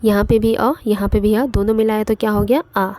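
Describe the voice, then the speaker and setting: A woman's voice: medium pitch, little pitch movement, brisk, darkish tone. A woman teaching an online exam-prep grammar lesson, explaining step by step and repeating points with frequent fillers.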